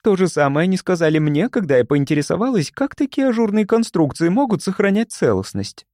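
A man voicing a brisk, bossy woman scientist who speaks emphatically. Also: high-pitched, big pitch swings, dark tone, no echo, clean studio sound, voice pushed up. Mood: admiring. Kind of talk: audiobook character voice.

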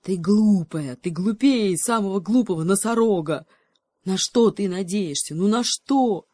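A woman voicing a boastful, greedy male cheetah who shouts and growls in desperation. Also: deep voice, unhurried, no room sound, clean studio sound. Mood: desperate shouting.

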